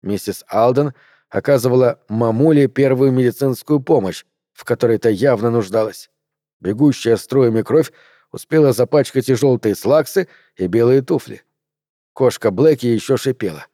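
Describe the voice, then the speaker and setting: A man reading a novel aloud as an audiobook narrator, in a steady, measured storytelling delivery. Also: medium pitch, no echo, studio quality.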